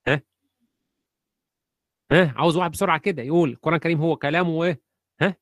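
Fast-talking Egyptian teacher, man. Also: a little high, no room sound. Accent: Egyptian Arabic. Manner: quizzing students, repeating key phrases. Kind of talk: interactive online lesson.

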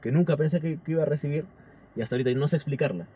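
A young man, co-hosting a casual podcast and speaking in a reflective, measured way. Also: on the high side, warm tone, husky. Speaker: podcast co-host.

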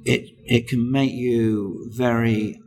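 A man, a comedian chatting as a guest, hesitant with many pauses and restarts. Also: mid-range voice, fairly even intonation, darkish tone. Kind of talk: casual interview chat.

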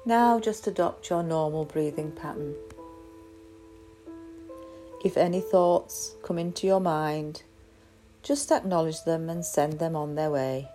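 Slow, soft-voiced woman guiding meditation. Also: low voice, faint music behind, low-quality recording. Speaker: meditation guide. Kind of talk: guided crystal meditation.

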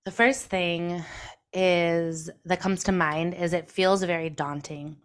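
A woman's voice: lowish voice, fairly even intonation, takes it slowly, clear, resonant tone. A woman recovering from the flu with a sick voice, co-hosting a podcast and speaking in an earnest, reflective way. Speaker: podcast co-host and trauma therapist. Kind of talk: casual podcast conversation. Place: remote recording, apart from co-host.

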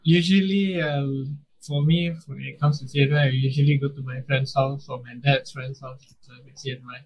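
A man's voice: medium pitch, steady tone, a little fast, darkish tone, rough recording. A man with a Malaysian English accent in a casual chat, using colloquial Singlish-style phrasing.

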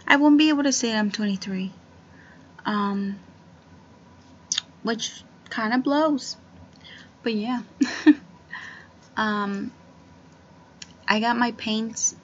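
A woman's voice: medium pitch, muffled recording, a little hiss or hum. A woman in her twenties rambling through a casual solo podcast, with lots of fillers and restarts. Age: 20s. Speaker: podcast host.

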